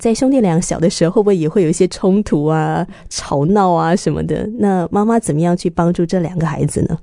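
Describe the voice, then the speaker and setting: A woman interviewing a guest for a church program, affirming her and asking gentle guiding questions. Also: lowish voice, fairly quick, creaky, no echo, clean studio sound.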